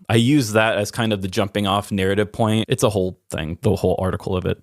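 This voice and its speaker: A man with a fairly low, darkish voice hosts a podcast, talking candidly, earnestly, and self-deprecatingly about personal matters before reading a personal essay. The sound is studio quality with no echo.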